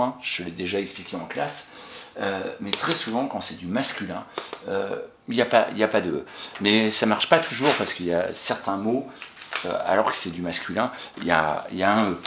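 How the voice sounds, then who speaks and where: A man teaching a young child, spelling words slowly letter by letter and warmly praising answers he pretends to hear. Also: on the low side, animated, gravelly. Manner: encouraging, talks to an absent pupil and pauses for answers. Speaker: primary school teacher. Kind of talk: recorded spelling lesson for a child. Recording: echoey room with faint noise.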